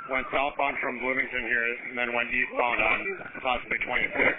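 A man's voice: mid-range voice, little pitch movement, a little fast. A male police officer heard over a police radio, speaking in clipped codes with an urgent tone. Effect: police radio transmission. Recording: tinny radio with loud static.

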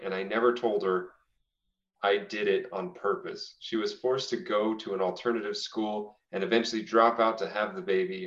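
A man's voice: lowish voice, a bit bright. A young man co-hosting a podcast, reading listener confessions aloud in a casual way and often breaking into laughter. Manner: laughs often while reading, says "dude" a lot. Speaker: podcast co-host. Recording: roomy, slightly dull recording.

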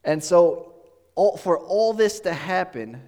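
A high-pitched pastor talks through his sermon in a relaxed, conversational way, pausing to think aloud while explaining. The recording, made in a church sanctuary, carries a long hall reverb.

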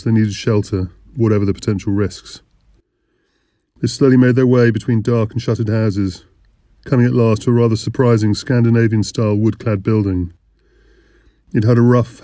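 A man reading an audiobook in measured, descriptive narration. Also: fairly low pitch, warm tone, no echo.

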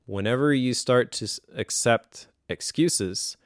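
A man's voice: mid-range voice, measured pace, dry recording, studio quality. A middle-aged man co-hosting a podcast in casual chat, reflective and acting out excuses in quoted voices. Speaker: podcast co-host.

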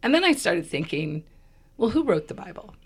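A podcast co-host with laryngitis talks in a very low, froggy, hoarse and raspy voice during a casual conversation. She's very animated and moves at a moderate pace, rambling loosely and restarting sentences as she thinks aloud.

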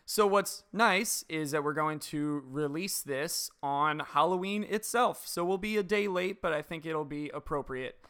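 A man's voice: fairly high pitch, measured pace, few pauses, fairly bright tone, clear, resonant tone. A man hosting a podcast in casual chat, joking and wry, recorded in an apartment. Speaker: podcast host. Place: apartment with dimmed lights.

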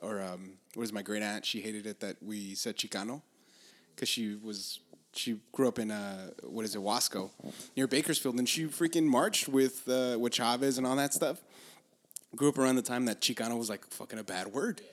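Male co-host, mid-pitched, casual and profane storyteller. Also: normal speed. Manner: laid-back, profane storytelling with laughs. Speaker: podcast co-host. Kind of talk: casual chat.

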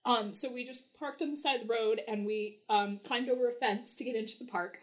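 A woman's voice: a little high, steady tone, a little fast. A young woman telling a story as a podcast guest, chatty, with many fillers and frequent laughs. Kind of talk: casual storytelling.

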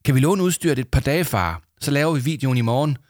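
A man's voice: mid-range voice, lively intonation, no echo, studio quality, voice pushed up, close to an everyday voice. A man reading a storybook aloud, voicing an awkward, earnest schoolboy who talks stiffly and formally. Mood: eager. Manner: nervous, formal.

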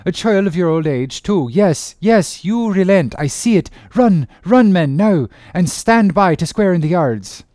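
Brief: man voicing a desperate whaling captain, high, loud, begging, dry booth sound. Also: animated, unhurried, few pauses, dry recording. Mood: desperate pleading. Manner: pleading, begging urgently.

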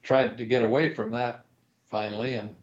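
An older man co-hosting a podcast in casual chat, halting and restarting his sentences. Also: mid-range voice, flat delivery, highs cut off. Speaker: podcast co-host.

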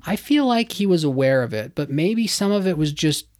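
A speaker telling a story in casual conversation, lively, with frequent fillers and laughs. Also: medium pitch, normal speed.

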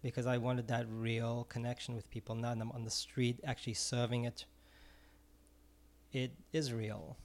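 At a normal speed and in a level, mid-range voice, a middle-aged man from Israel talks earnestly in a casual interview. He sells ice cream and used to teach music, and he tends to repeat words as he gropes for phrasing.

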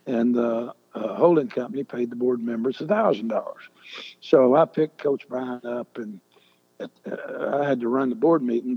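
An older man telling a long story as an interview guest, halting and deliberate with many restarts. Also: mid-range voice, gravelly, breathy edge. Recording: echoey, dull lo-fi sound.

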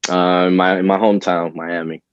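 A young man with a very low, deep voice talks in a relaxed, rambling way, full of fillers and restarts. The sound is dry and a little dull, like lo-fi remote audio. He is a rapper guest in a casual interview. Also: normal speed, smooth, dry recording. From Dominican Republic. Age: young adult.

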